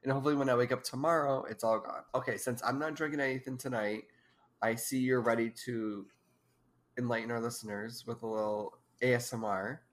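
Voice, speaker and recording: Her voice very deep and steady and her pace brisk, the twenty-something podcast co-host talks casually while congested from allergies. She's giggly and tends to ramble.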